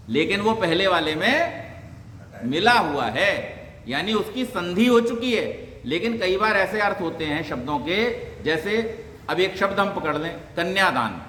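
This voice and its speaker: Bright-voiced man teaching in an echoey hall. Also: sits high, a little hiss or hum. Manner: explains by asking and answering his own questions, demonstrates sounds. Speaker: Sanskrit teacher and pandit. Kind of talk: religious teaching talk. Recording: echoey hall with long reverb.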